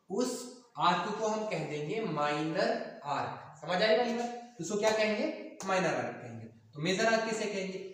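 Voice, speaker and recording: A man's voice: sits high, a little hiss or hum. A male math teacher lecturing at a board, asking the class questions and answering them himself, and mixing English math terms into his talk. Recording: very echoey room, mic far off.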